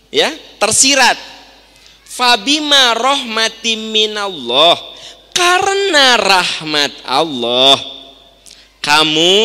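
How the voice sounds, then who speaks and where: A middle-aged man with a Sundanese accent preaching in a mosque, chatty and questioning his listeners, acting out little everyday scenes. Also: high voice. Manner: lively, chatty, quizzes the audience, acts out little scenes. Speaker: Islamic preacher. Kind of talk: sermon. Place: mosque hall. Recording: reverberant mosque hall.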